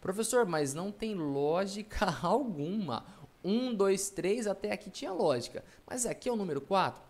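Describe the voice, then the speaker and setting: A man's voice: sits high, lively intonation, moderate pace, a little mellow. A man voicing a confused student who keeps asking the teacher doubtful, whiny questions. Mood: puzzled.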